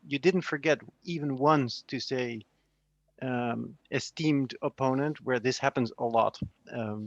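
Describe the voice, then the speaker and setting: Committee man on a dull video call line, halting, lots of ums. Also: mid-range voice, no room sound. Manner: warm praise with frequent ums and restarts. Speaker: committee member. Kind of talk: congratulatory speech on a video call. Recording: muffled video call audio.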